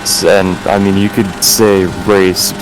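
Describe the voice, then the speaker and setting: Low-voiced laid-back male streamer. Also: little pitch movement, slow, noisy background. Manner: laid-back slangy banter. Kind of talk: casual chat.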